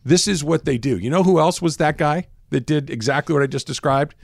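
Male sports radio host, animated and laughing, fairly high voice, dry sound. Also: brisk, creaky, dry recording. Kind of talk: casual sports talk.

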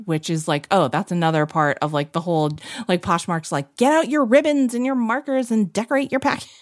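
A woman co-hosting a podcast, telling stories in a chatty, animated way with lots of fillers. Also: fairly low pitch, no echo, clean studio sound. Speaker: podcast co-host. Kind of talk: casual chat.

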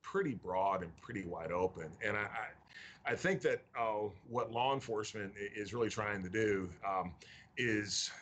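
A man with a fairly low voice speaks as a county mayor from Tennessee over a video call. He talks in a measured way, pausing often on fillers. A faint hiss of noise sits under the call. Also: fairly bright tone. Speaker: county mayor, interview guest.

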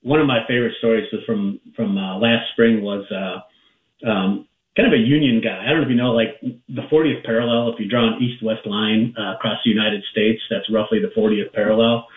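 A man talks over the phone as a guest on a radio show, his voice a little low. He explains things in a halting way full of fillers. The phone line is tinny and sounds roomy and distant. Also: fairly even intonation. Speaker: guest underwriter. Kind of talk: explaining a story to radio hosts.

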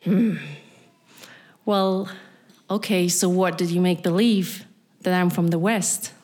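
A middle-aged woman from East Berlin with a German accent, speaking a deliberate spoken-word monologue addressed straight to the listener. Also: lowish voice, steady tone, a little mellow.

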